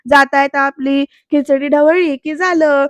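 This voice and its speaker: A complaining elderly mother-in-law from a TV serial, as a woman recapping the show puts her on. She taunts and scolds in a slow, drawn-out way. The voice stays high and dry. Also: steady tone, a bit bright, dry recording. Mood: taunting.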